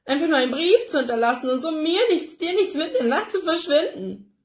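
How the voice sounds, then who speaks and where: A woman's voice: sits high, expressive, quick pace, voice pushed up. Woman putting on a tearful, distraught mother. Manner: sobbing, pleading, raised voice. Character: tearful, worried mother, middle-aged woman.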